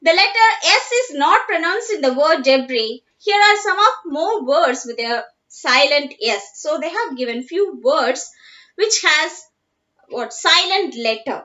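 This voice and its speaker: Malayali woman teacher, very slow, bright high voice, dull lo-fi recording, patient and repetitive. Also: animated. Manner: slow, repeats each word patiently, mixes in Malayalam. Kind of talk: online class lesson. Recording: dull lo-fi sound.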